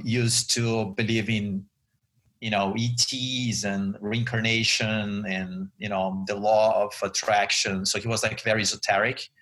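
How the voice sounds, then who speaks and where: A man from Brazil, chatting as an interview guest in a relaxed way with many fillers. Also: lowish voice. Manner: relaxed, chatty, many ums and you-knows. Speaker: guest, advertising creative director. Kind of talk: interview conversation.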